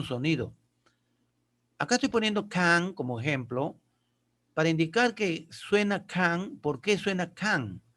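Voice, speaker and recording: A man's voice: a little high, bright, forceful tone. A male teacher giving a patient, explanatory lesson, often asking questions and answering them himself, with short check-in questions. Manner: patient, asks and answers his own questions.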